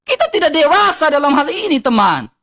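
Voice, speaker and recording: A woman's voice: high-pitched, sing-song, fairly quick, fairly bright tone, slight background noise. A woman with an eastern Indonesian accent, ranting heatedly and bluntly to her livestream viewers, repeating herself for emphasis.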